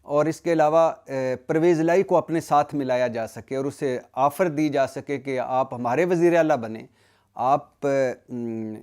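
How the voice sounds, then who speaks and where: A man's voice: mid-range voice, darkish tone. A man delivers solo political commentary in an indignant, emphatic tone, with a mid-range voice. He builds his points through rhetorical questions and long lists, often breaking off words and restarting them. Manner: frequent self-corrections and cut-off words.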